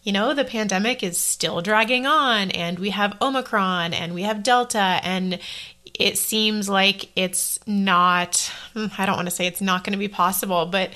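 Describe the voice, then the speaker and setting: Bright-voiced chatty woman podcaster. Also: medium pitch. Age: 30s. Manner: chatty and rambling, quick self-corrections. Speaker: podcast host. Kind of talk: casual solo podcast chat.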